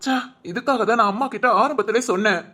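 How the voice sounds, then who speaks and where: A woman playing a patient young husband who gently soothes his child and pleads with his wife in a short drama. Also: on the high side, fast. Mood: weary.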